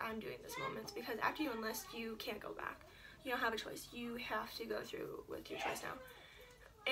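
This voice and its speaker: A young woman from Ohio sits at home telling a long personal story to a camera placed a little way off, her slightly high, sharp voice full of "like" and "um" as she chats as a vlogger. A little hiss or hum can be heard.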